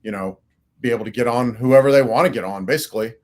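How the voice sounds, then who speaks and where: Male co-host, mid-pitched, relaxed and rambling, lots of fillers. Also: fast. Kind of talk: casual cybersecurity discussion.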